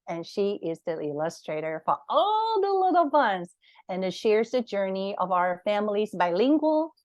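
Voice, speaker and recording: Animated woman reading to children. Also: mid-range voice, no echo. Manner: animated, encouraging, asks children questions. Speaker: author reading her book to children. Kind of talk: storytime read-aloud.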